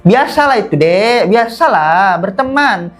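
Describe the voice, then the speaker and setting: A man's voice: high-pitched, animated, a little slow, fairly bright tone, faint music behind. A man doing an offhand Balinese cop. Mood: dismissive. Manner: offhand, brushing the matter aside. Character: dismissive male police officer.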